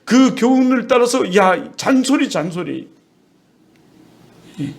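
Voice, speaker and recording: A middle-aged man preaching a sermon as a pastor, with lively delivery that acts out children and parents. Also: very high-pitched, takes it slowly, creaky.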